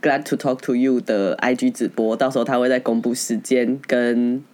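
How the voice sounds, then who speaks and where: A woman's voice: a bass voice, steady tone, normal speed, mellow. A woman with a Taiwanese accent co-hosting a podcast in a casual, colloquial, self-teasing chat. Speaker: podcast co-host.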